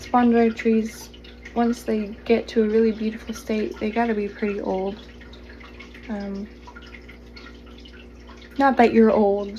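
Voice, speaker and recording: A woman giving a channeled tarot reading to the viewer, speaking gently, slowly and reassuringly, drawing out her words. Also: a little high, highs cut off, slight background noise. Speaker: tarot reader. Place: home, pets nearby.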